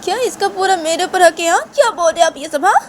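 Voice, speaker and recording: A woman's voice: extremely high pitch, expressive, fast talker, a little hiss or hum. A woman voicing a distraught young woman who cries and pleads, asking accusing questions in a storybook tale. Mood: defiant. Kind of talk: storybook narration with voiced figures.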